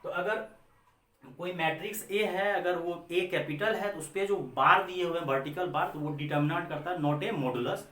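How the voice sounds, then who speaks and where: An Indian man teaches maths in a classroom lecture, repeating his points and answering his own questions. His voice sits a little high. The recording is roomy and echoey, with the mic set some way off. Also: moderate pace, bright, forceful tone. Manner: addresses students as children. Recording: echoey room, mic far off.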